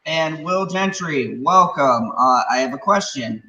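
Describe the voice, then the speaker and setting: A man's voice: a little high, lively intonation, a little slow, pushed and bright, lo-fi sound. A man hosting a casual live reaction stream with sarcastic, sweary, teasing chat, sounding like he is in an empty warehouse. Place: echoey, empty-sounding room. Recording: echo like an empty warehouse, clear background noise.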